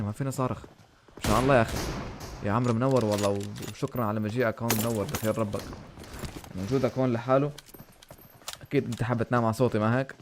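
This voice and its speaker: A man commentating his own game on a live stream, excitable, shouting at big plays and thanking donors warmly. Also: mid-range voice, background noise. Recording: game gunfire and music behind.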